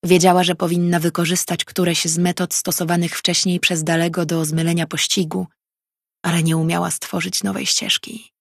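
Low, gravelly woman narrating a fantasy story. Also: level tone, moderate pace, no room sound, clean studio sound. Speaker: audiobook narrator.

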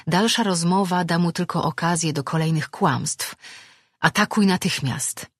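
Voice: medium pitch, a little slow, fairly bright tone, slightly rough, no room sound, studio quality. A narrator voicing a cold, commanding goddess. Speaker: character in an audiobook. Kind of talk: audiobook character reading.

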